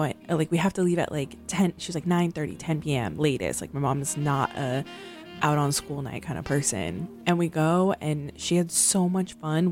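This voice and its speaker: A young woman with a low voice hosts a radio show, chatting loosely between tracks. She rambles and fills her talk with ums and likes, and faint music plays behind her. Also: a little mellow. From San Francisco. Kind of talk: casual radio chat between songs.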